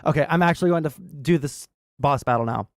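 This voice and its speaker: A man hosts a casual gaming livestream, rambling bluntly and swearing as he halts through his explanations, often checking in with "right?". His voice is a little high. The sound is clean studio quality with no room sound.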